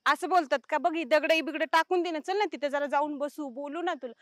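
A woman's voice: high voice, dry recording, studio quality. A woman speaking in a village comedy skit, scolding and firing questions. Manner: scolding, bossy and quick to question. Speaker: comedy sketch actor. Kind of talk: rural comedy skit dialogue.

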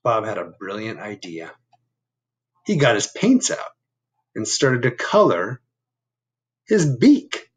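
Reading a picture book to children with huge pitch swings, a man in his fifties speaks in a lowish voice at a slow pace, leaving long pauses. He's at home in a small room, adding simple, instructive asides as he goes.

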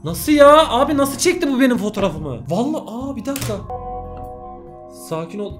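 A man with a high-pitched voice talks straight to his viewers, excitable and loud. He bursts into slangy exclamations. Faint music plays underneath. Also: normal speed. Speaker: YouTuber. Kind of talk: excited casual vlog talk to viewers.

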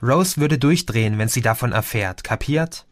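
A man's voice: mid-range voice, expressive, normal speed, no echo, studio quality, lightly acted. A man voicing a grumpy, injured young bandmate with a growling, defensive manner.

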